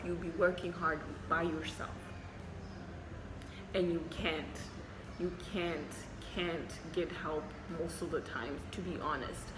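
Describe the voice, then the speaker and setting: Speaking in a low voice, this young Zimbabwean doctor and vlogger, a Shona speaker, works through viewers' questions in a relaxed, candid manner, saying um often. The setting is an indoor hospital room that echoes, with constant noise behind her.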